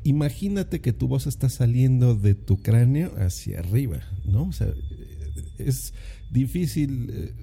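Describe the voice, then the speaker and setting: A man hosting his own podcast in a relaxed, rambling way, full of fillers and "¿no?" tag questions, on a condenser mic. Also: mid-range voice, a little slow, gravelly, slightly rough. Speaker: podcast host. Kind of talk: casual solo podcast talk. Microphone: condenser microphone.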